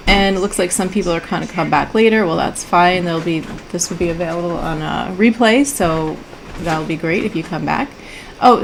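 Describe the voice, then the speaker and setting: A woman's voice: medium pitch, a little hiss or hum. A woman hosting a casual live stream, chatting with viewers and greeting them by name, her voice stuffy from an allergy. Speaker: host of an animal communication live stream.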